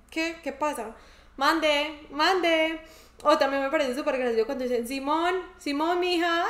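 A woman with a Colombian paisa accent reacting to a video, bubbly and enthusiastic, quick to laugh. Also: sits high. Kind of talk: casual reaction commentary. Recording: roomy echo.

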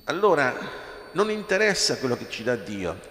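A man's voice: medium pitch, very animated, normal speed, a bit bright. A man, a priest, preaching an impassioned sermon in a church, firing rhetorical questions at the congregation. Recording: echoey church with long reverb.

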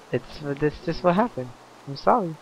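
Man, unhurried game commentator, chatty, quick to yelp at mishaps; dull lo-fi mic, faint music behind. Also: on the high side, gravelly. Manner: chatty, easily excited, yelps and laughs at mishaps. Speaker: gaming commentator. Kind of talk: casual let's-play commentary.

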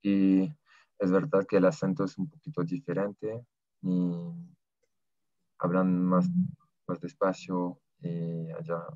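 Speaking through a laptop webcam from a small room at home, a young man answers an interviewer in a halting way, pausing often to find words. He is a native French speaker from southern France learning Spanish, with a low, mellow voice, flat delivery and no echo. The video call audio sounds dull and lo-fi.

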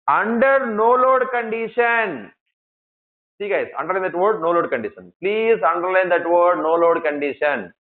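A male engineering lecturer with an Indian English accent leads a classroom lesson in a fairly high voice. He keeps repeating key phrases and asks the class questions that he then answers himself. The recording sounds thin and tinny, like a phone line.

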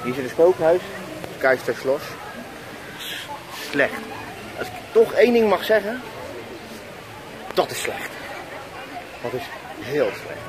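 A man in his thirties with a Dutch accent vlogs a bustling outdoor theme park on an action camera held at arm's length, talking casually and leaning on fillers. His fairly high voice swings widely in pitch, and he speaks slowly with long pauses. A crowd, general background noise, and clearly audible music sit behind him.

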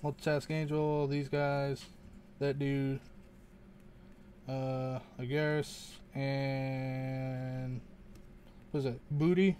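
A man's voice: mid-range voice, little pitch movement, extremely slow, pauses often, a little mellow, slight background noise. A man hosting a casual unboxing video, rambling and muttering to himself, often unsure how to say things. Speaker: channel host opening card packs.

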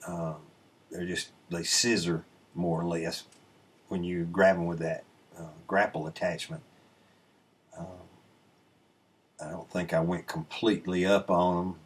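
A middle-aged sawmill channel host casually explains his work over video footage, laid-back and rambling with many ums and uhs. His voice is low-pitched, level and slightly rough, unhurried with long pauses. He's recorded at his desk with a webcam, indoors and away from the sawmill.

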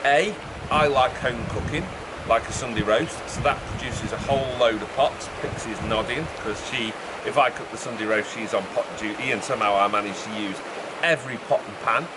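A middle-aged man, talking casually to camera in a raised, projected voice as he explains a project. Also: mid-range voice. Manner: chatty, raised voice projected over background noise. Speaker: vlogger presenting a build project. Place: outdoors beside a fast-flowing river. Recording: outdoor recording with rushing river noise.

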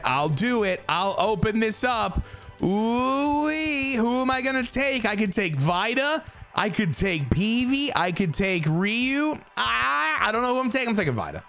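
A young man giving excited commentary over his own baseball video game, muttering one moment and shouting the next. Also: high voice, vocal fry. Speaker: gaming YouTuber. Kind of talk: live gameplay commentary.

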